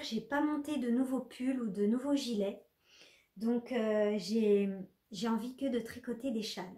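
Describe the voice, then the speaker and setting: A woman's voice: fairly high pitch, darkish tone. Chatty woman knitting vlogger, echoey room. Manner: chatty, many fillers and restarts. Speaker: knitting podcaster. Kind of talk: casual knitting vlog chat.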